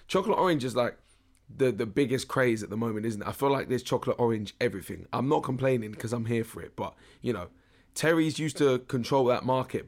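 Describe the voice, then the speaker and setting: Young man, British accent, hoarse failing voice, slangy, jokey podcast host, casual rambling chat. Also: mid-range voice. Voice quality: hoarse, strained voice. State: hoarse, losing his voice.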